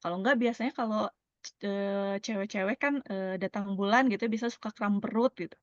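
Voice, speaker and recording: A woman's voice: medium pitch, fairly even intonation, brisk, dry recording, lo-fi sound. A woman, explaining a sales plan in a chatty way, full of fillers and tag words. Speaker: presenter sharing a sales plan. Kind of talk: casual explanatory talk.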